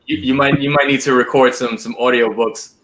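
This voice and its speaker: A man's voice: medium pitch, steady tone, a little fast, noisy background. A man chatting as a guest on a video call, laid-back with stammering restarts. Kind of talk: casual chat on a video call.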